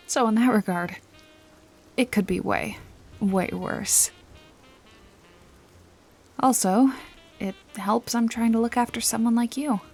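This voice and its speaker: Playing a sardonic, bossy detective who also acts as bodyguard, a woman teases and makes casual threats in an intimate noir ASMR roleplay. Her voice is medium-pitched with a darkish tone, breathy, and prone to dropping into a whisper.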